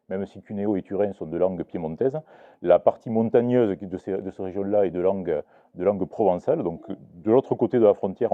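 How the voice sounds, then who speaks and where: A man with a low voice, heard as if over a phone, teaches a live book fair audience about Occitan. His delivery is full of restarts and hesitations.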